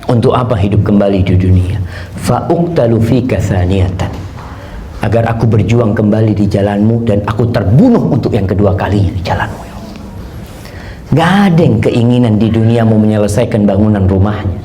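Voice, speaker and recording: A male preacher giving a storytelling sermon, animated and quoting Arabic phrases. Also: fairly low pitch, a little fast, echoey room, a little hiss or hum. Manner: animated, switches into quoted voices and Arabic phrases.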